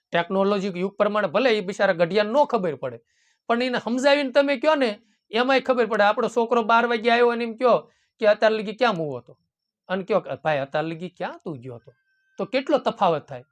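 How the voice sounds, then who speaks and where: High-voiced preacher. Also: male voice, brisk. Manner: folksy, keeps addressing listeners as "bapu" and "ram"; quotes devotional hymn verses. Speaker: satsang preacher. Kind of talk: devotional sermon.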